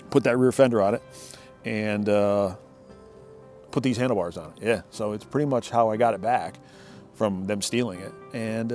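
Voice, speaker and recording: This middle-aged man, who owns a motorcycle, spins a loose, casual tale in his shed workshop, stumbling into restarts and repeated words. He has a mid-range, slightly mellow voice.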